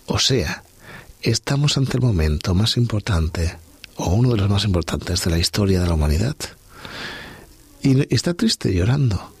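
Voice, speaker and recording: A man's voice: fairly low pitch, animated, moderate pace, breathy edge, no echo. A man leading a reflective Bible study talk on a podcast, musing aloud and posing rhetorical questions. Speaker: podcast host.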